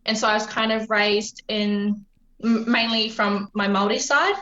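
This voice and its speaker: A woman in her late twenties with a New Zealand accent talks casually as a podcast guest, peppering her sentences with ums. Her voice is bright and forward, though the line sounds roomy and somewhat muffled. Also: medium pitch, steady tone, normal speed. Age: 20s. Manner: chatty, frequent ums, laughs easily. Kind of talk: casual interview chat. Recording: roomy, dull lo-fi remote line.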